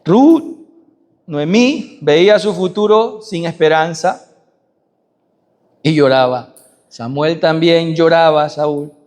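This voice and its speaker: A man preaching a sermon who asks his congregation rhetorical questions and swings from loud high peaks to soft low endings. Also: slow pace. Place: church sanctuary. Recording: long reverb of a church hall.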